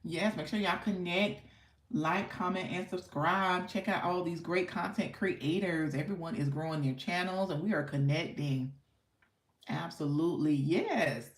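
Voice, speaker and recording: An American woman hosts a casual livestream, chatting with viewers in an effusive, folksy manner and thanking and affirming them again and again. Her voice is fairly low and her pace measured. The sound is echoey and roomy.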